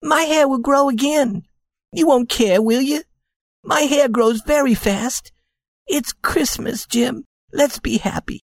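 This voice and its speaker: A woman playing an eager, pleading young wife, higher-pitched. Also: slow, gravelly, dry recording, full character voice. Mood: anxious, eager. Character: loving, eager young wife in a Christmas tale. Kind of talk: audiobook character dialogue.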